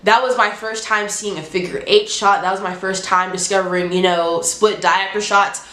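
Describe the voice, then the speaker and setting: Reviewing films for a top ten countdown, a woman chats casually and expressively in slangy speech, her voice congested and nasal from allergies, as if she's pinching her nose. She speaks at a normal speed with a medium, steady, bright, and forceful tone. It's recorded on a handheld phone in a roomy, echoing home space.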